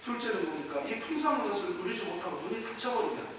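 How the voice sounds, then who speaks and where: A male pastor delivering a sermon in a bright, high, lively voice that swings from quiet explanation to shouting. He is picked up from far off in a big echoing hall with a long reverb tail. A faint hiss runs under the recording. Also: quick pace.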